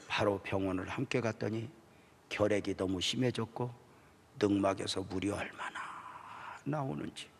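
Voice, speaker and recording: A middle-aged man preaching a sermon as a pastor, telling a story with strong emotion and moving between hushed passages and rising, emphatic ones. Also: on the low side, moderate pace, slightly rough. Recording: long church-hall reverb.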